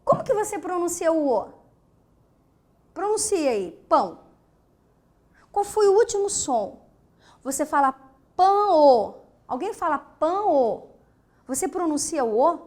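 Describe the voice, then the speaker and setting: A woman's voice: extremely high pitch, unhurried, long pauses. A woman with a Brazilian Portuguese accent teaching a grammar lesson. She keeps asking the class questions and then answers them herself. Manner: lively, asks students questions and answers them.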